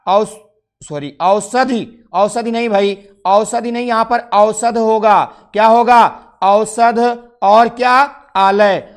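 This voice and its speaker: A man with a Hindi accent from Uttar Pradesh teaching an exam-prep grammar lesson, who keeps asking the class short quiz questions and answers them himself. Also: high-pitched. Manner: addresses viewers as friends.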